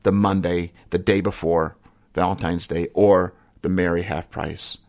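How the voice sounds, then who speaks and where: A middle-aged man speaks on his own podcast in a reflective, heartfelt way. His voice sits low, with a gravelly edge. He is earnest and a little emotional, and his sentences often drop to a hush at the end. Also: little pitch movement, unhurried. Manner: earnest, emotional, with soft laughs and trailing quiet endings. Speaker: podcast host. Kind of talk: reflective solo podcast talk.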